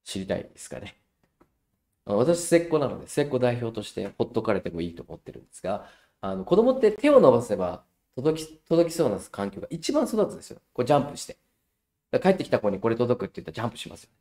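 A middle-aged man giving a lively parenting lecture, telling anecdotes and acting out children's voices. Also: mid-range voice, quick pace. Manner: animated storyteller who acts out children's voices.

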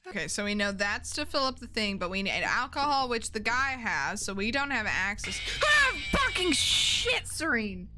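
A woman's voice: mid-range voice, animated, normal speed, over music. A woman streamer reacting to a horror game, swearing a lot and shrieking at the scares.

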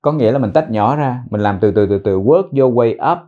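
A man teaching English pronunciation, repeating words slowly and explaining in mixed Vietnamese and English. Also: mid-range voice, animated, phone-quality sound. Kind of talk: pronunciation lesson.

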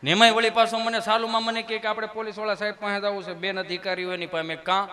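A man's voice: high voice, rapid-fire. A middle-aged man telling a comic story on stage, acting out the people in it and laughing along as he goes. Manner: animated, acts out characters and laughs along. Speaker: stand-up comedian. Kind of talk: Gujarati folk comedy storytelling.

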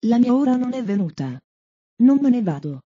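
A woman's voice: on the high side, big pitch swings, moderate pace, mellow, slightly rough, no room sound. A woman voicing a defiant male demon who possesses a child, giving insolent, mocking retorts, on a dull, dry, lo-fi recording.

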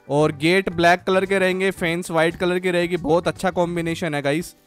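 He's a gaming channel host with a high-pitched, clean voice, casually narrating his farming game. Friendly and chatty, he constantly calls his viewers "guys" and "bhai."

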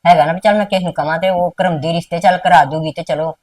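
A woman playing an elderly grandmother who pleads softly with her daughter-in-law in a drama, heard from some distance. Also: on the low side, fairly even intonation, rapid-fire, lightly acted. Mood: pleading. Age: older. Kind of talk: amateur drama acting.

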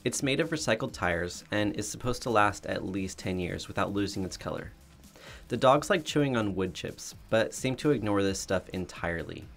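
Over soft background music, a gravelly, fairly low male voice describes a backyard renovation at a normal pace. The delivery is animated yet plain and matter-of-fact. He's a DIY renovation vlogger recording voice-over, not in the yard pictured.

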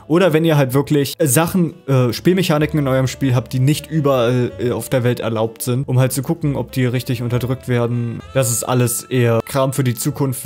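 A man talks viewers through a screen-recorded tutorial in a relaxed, chatty way, dropping fillers as he clicks along. His voice sits at an everyday middle pitch. Faint guitar music plays underneath. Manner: casual explaining with fillers, addresses viewers directly. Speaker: tutorial host.

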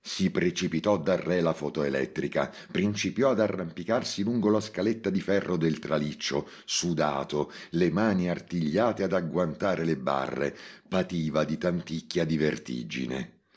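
A man reading a short story aloud in a measured, dramatic way. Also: low-pitched, darkish tone, slightly rough. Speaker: audiobook reader. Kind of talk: scripted narration.

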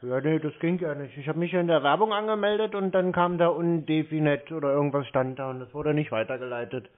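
He talks fast in a voice on the high side, a scambaiter goading a scammer with sarcastic, needling remarks. The call sounds thin and tinny.

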